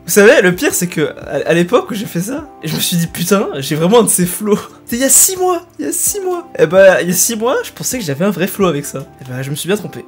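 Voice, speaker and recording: A man's voice: high-pitched, animated, quick pace, few pauses, music in the background. Self-mocking young man, chatty vlog. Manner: self-mocking, chatty, hesitant with many fillers. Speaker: youtuber. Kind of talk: casual vlog talk to viewers.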